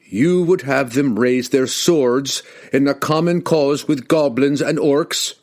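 Booming young barbarian warrior, slow and proud, voice goes high and wide, a man putting it on. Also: expressive, a little mellow. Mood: defiant.

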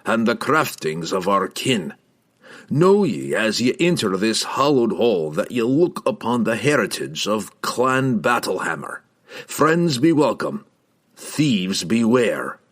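A man voicing a gruff, stern dwarf in an audiobook, grumbling and sarcastic, with old-fashioned dialect speech. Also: on the low side, sing-song, slow pace, a bit bright, heavily acted. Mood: solemn. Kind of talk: audiobook character voice.

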